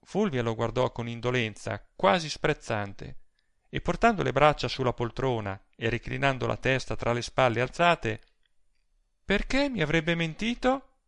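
A man reading a novel aloud as narrator in a measured, even storytelling manner. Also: mid-range voice, gravelly, no room sound, clean studio sound. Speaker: audiobook narrator. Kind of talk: scripted narration.

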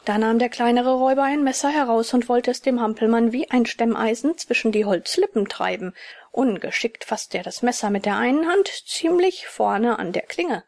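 A woman narrating a storybook audiobook expressively, often in a soft, hushed tone. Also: fairly high pitch, normal speed, no echo, studio quality.

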